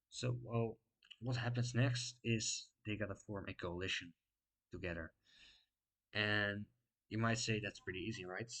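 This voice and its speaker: A man with a Dutch accent casually walking through election results in a vlog, pausing often with fillers while he explains. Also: sits low, a bit bright, rough recording. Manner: unscripted, many filler pauses while explaining. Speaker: political commentary vlogger.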